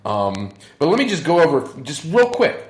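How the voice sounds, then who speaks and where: A man in his thirties co-hosting a casual podcast chat, bantering in an animated, self-mocking way. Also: a little high, normal speed, reverberant. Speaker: podcast co-host.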